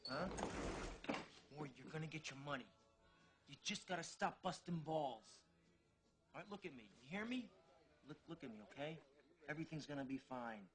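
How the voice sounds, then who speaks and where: Brief: jittery young mobster, high, wavering voice. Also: male voice, expressive, a bit bright. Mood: hushed. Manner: nervous, halting. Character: anxious young mobster, worried and hushed.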